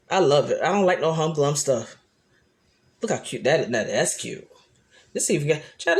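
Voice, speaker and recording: Loud, laughing woman chatting live. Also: deep voice. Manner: chatty and animated, frequent restarts. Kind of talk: casual live chat.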